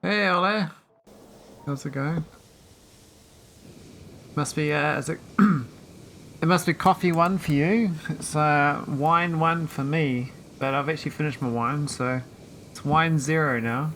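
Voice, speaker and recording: A man chatting casually while streaming a game, rambling with many pauses and talking to his viewers. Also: a little high, fairly bright tone, a little hiss or hum. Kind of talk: casual live-stream chat.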